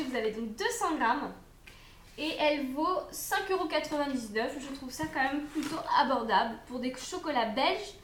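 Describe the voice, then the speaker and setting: A young woman with a high voice talks through a box of food products, chatty and a little hesitant, pausing on fillers as she goes. Her voice rings in an echoey room at home, with a faint hum behind it. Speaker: unboxing vlogger. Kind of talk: casual product review.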